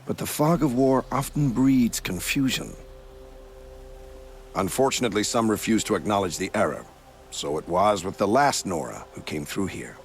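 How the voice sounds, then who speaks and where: An actor playing a courteous, evasive male commander who smoothly denies wrongdoing. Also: on the low side, a little hiss or hum.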